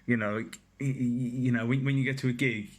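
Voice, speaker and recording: A man's voice: mid-range voice, steady tone. A male interviewer with an ordinary mid-range voice asks his questions casually. He stumbles and restarts often as he feels his way through them. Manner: halting, many restarts and fillers.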